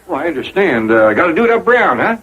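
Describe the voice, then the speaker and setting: A man's voice: a little high, sing-song, husky. Kindly Southern country man, lilting drawl, muffled old TV sound. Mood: friendly. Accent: rural Southern American. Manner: slow homespun drawl. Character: easygoing hillbilly patriarch, homespun and kindly. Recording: dull 1960s TV audio.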